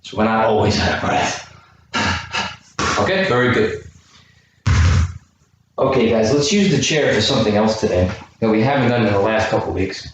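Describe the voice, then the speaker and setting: An expressive man with a low-side voice leads children in a home exercise class at normal speed, pausing often while counting reps aloud and asking encouraging questions. Recorded in an indoor room with a chair by a camera microphone from a distance, the sound is very echoey with faint noise.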